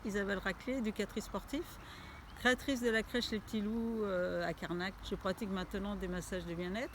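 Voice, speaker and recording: A woman's voice: mid-range voice, fairly even intonation, a little fast, heavy background noise. A woman introducing herself as a local candidate, speaking hesitantly with frequent fillers. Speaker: municipal list candidate. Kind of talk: self-introduction.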